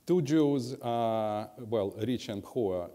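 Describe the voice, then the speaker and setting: Slow, mellow male piano coach. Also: mid-range voice. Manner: scats rhythms with syllables while coaching; blunt, drily humorous corrections. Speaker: piano teacher giving a master class. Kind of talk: master class coaching. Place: music school teaching hall. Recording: long hall reverb, faint piano.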